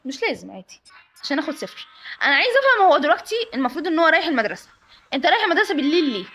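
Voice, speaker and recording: A woman with an Egyptian Arabic accent hosting a horror game let's-play, excitable and jumpy as she talks through her fright. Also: high-pitched, very fast. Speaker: gaming channel host.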